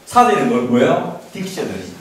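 With a sing-song, medium-pitched voice, a middle-aged man talks fairly quickly to parents in an informal, emphatic lecture full of rhetorical questions. He speaks into a handheld mic in a small classroom, yet the audio comes from a distant camera, so it's echoey with background noise.

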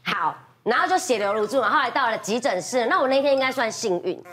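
A middle-aged woman on a TV studio panel, telling a story in casual chat. She is animated, acts out the voices she quotes, and laughs often. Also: fairly high pitch, fast talker.

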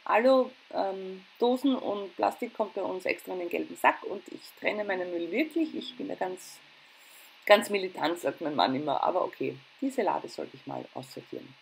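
This middle-aged home and cooking vlogger has an Austrian accent and a lowish voice with lively intonation at a moderate pace. She chats informally about her household routine and pokes fun at herself. The recording is rough, with clear background noise.

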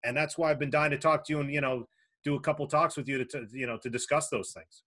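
A man's voice: on the high side, steady tone, fast, a bit bright. A man hosting a casual chat, talking in loose, rambling sentences with frequent restarts and some swearing. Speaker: host.

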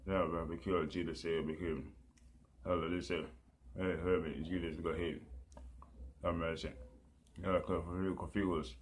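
Low, flat-voiced man praying and preaching. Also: a little hiss or hum. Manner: repetitive, halting, many fillers and pleas. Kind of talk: rambling prayer and preaching.

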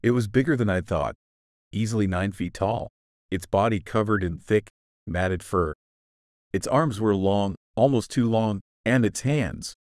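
Man, very deep voice, dry close recording, first-person horror narration, grave, suspenseful. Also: measured pace, darkish tone, no room sound.

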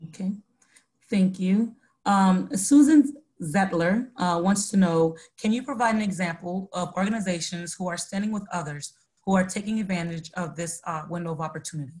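A woman's voice: on the low side, moderate pace, darkish tone, low-quality recording. A woman moderating a conference session, briefly reading an audience question to the speaker in a businesslike way.

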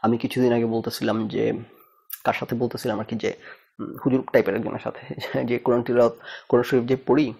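A man from Bangladesh talks through his ideas on his own casual show, asking rhetorical questions and dropping English phrases into his sentences. His voice is gravelly, with a husky edge, and sits at a middling pitch. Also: little pitch movement, fairly quick, long pauses, a little mellow. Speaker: host. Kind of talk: casual talk-show monologue.

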